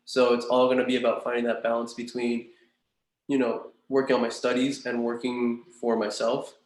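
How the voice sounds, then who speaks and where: A big room echo surrounds this young man's voice. He speaks at a middling pitch with a very flat, even intonation. His manner is polite and earnest, with some hesitation, as in a formal interview. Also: normal speed. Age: 20s. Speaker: student in a practice job interview. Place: room in a large house.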